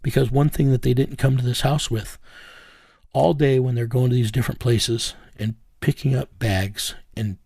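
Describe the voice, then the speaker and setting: A man's voice: mid-range voice, steady tone, moderate pace, gravelly, a little mellow, husky, no echo. A middle-aged man from the United States, an interview guest telling a matter-of-fact first-person story about his vigilante work. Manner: plain, matter-of-fact telling with reenacted dialogue.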